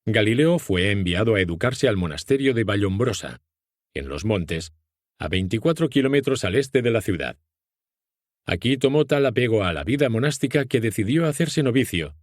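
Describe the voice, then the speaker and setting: A man narrates an audiobook from a script in a Castilian Spanish accent. His voice sits fairly low and moves with very varied intonation. The recording is dry and close, with very little room sound. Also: no echo.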